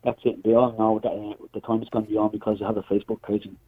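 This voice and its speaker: Husky, rapid Dublin man on phone. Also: on the low side, level tone, no echo. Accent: Dublin Irish. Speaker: phone-in guest, community worker. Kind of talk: casual, unpolished explanation. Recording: tinny narrow phone line.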